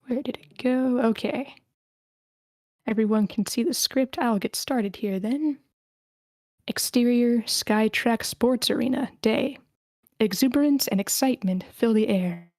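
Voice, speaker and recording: Hosting a screenplay table read, a woman alternates informal, encouraging banter with narration of the stage directions. She sounds a little high, unhurried, and a little mellow, recorded dry with studio quality.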